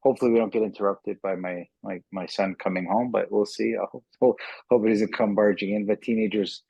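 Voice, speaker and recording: A middle-aged man from Canada, a martial arts instructor, chatting casually in an interview over a video call with an earbud mic, talkative and quick to laugh, often repeating words. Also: lowish voice, steady tone, vocal fry, mellow, husky, no room sound.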